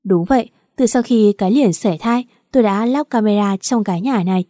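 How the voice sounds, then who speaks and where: A stern elderly father-in-law who speaks in a measured, authoritative way, as a woman narrator reads him. The tone is mellow and low-key. The recording is dry, with no room sound. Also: no echo, natural voice. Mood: firm.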